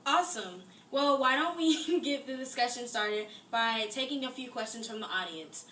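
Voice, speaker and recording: A woman's voice: on the high side, expressive, normal speed, pushed and bright. A young woman playing an upbeat talk-show moderator. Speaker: student playing a debate moderator. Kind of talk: amateur class-project role-play. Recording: echoey room, mic far off, faint noise.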